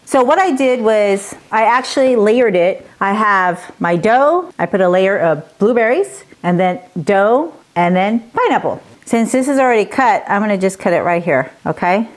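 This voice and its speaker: A woman's voice: medium pitch, animated, normal speed, few pauses. Persuasive woman health host. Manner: direct, persuasive, asks viewers questions. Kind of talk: casual health talk to camera.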